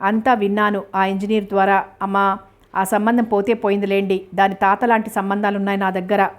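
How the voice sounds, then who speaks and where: A woman reading the part of a talkative older male marriage broker who pitches a match in a chatty, persuasive way. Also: level tone, a little fast, natural voice.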